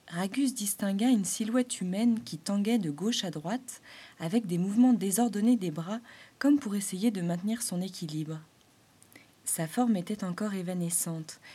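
A woman narrating a storybook in a soft, measured, gentle way, sometimes dropping to a whisper. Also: medium pitch, breathy edge.

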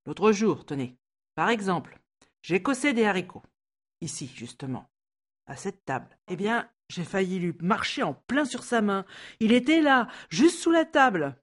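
An actress playing a resentful, anxious housemaid who complains and hesitates. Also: female voice, lowish voice, animated, normal speed. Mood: grumbling. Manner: complaining, fretful, hesitant with many fillers. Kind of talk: audio drama acting.

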